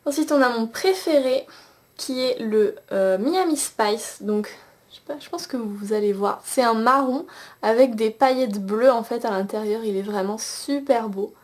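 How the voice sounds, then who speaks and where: A young beauty vlogger in an unhurried, fairly high voice casually reviews eyeshadows for a camcorder. Her swatch-filled makeup talk is chatty, with plenty of fillers and restarts, picked up by the camcorder mic.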